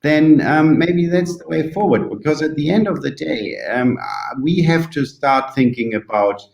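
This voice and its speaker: A man with a German accent, a native German speaker, giving thoughtful interview answers haltingly, searching for words as if translating in his head. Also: a little high, gravelly, a little mellow. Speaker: interview guest from the yachting industry. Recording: roomy, echoing sound.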